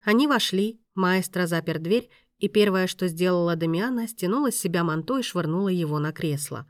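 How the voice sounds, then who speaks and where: A woman reading a novel aloud in an even, measured storytelling voice. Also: fairly low pitch, no room sound, clean studio sound. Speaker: audiobook narrator. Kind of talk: scripted narration.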